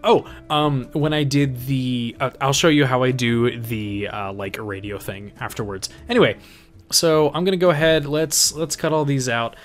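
Young man rambling through a software tutorial. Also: mid-range voice, steady tone, normal speed, soft background music. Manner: rambling, filler-heavy, self-correcting. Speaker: tutorial host. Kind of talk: casual screen-recorded software tutorial. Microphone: home desk microphone.

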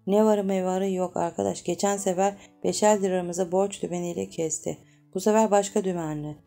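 A woman's voice: mid-range voice, steady tone, moderate pace, gravelly, mellow, soft background music, lightly acted. A woman voicing Yusuf, a blunt young male cotton-mill worker in a storybook reading, talking in plain village speech. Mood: earnest.

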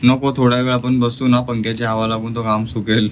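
A man's voice: mid-range voice, little pitch movement, a little fast, very noisy. A man vlogging about his family, talking to viewers while firmly coaxing and teaching his small child at mealtime. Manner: coaxing and firm, teaching a toddler.

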